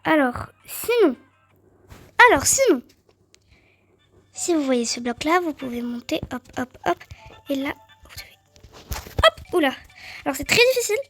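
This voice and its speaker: A woman giving chatty, excitable let's-play commentary on a game, talking straight to her viewers. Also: high-pitched, measured pace, pauses often, faint music behind. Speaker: gaming video creator.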